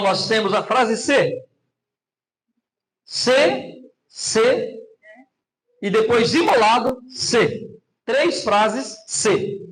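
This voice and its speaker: A Brazilian man preaching as pastor, teacherly, asking the congregation questions and reading verses slowly with stress on the rhymes. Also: very high voice, rough recording. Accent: Brazilian Portuguese. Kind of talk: sermon.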